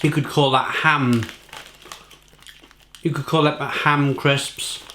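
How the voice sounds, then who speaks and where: A man giving a casual, rambling snack review, munching crisps between phrases and repeating himself for mock-dramatic emphasis. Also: mid-range voice, steady tone, takes it slowly, sharp tone. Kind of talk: casual food tasting review to camera. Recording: echoey room, faint noise, packet crinkling. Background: crisp packet crinkling and crunching.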